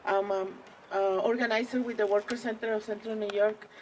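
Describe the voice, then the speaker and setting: A woman's voice: mid-range voice, fairly even intonation, slight background noise, poor audio. Earnest Mexican-accented woman organizer. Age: 40s. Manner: earnest, halting with fillers. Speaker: community organizer. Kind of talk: rally speech. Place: outdoors at a public rally.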